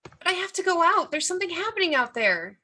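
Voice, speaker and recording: A woman's voice: very high voice, sing-song, fast talker, pushed and bright, full character voice. A woman playing a scientist's anxious, evasive female creation in a script read-through, pleading and defensive.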